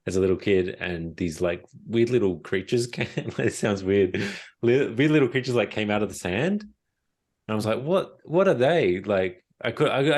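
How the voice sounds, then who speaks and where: A man from South Australia, an author, chatting casually, rambling and hesitant with repeated words. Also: lowish voice. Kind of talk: casual chat.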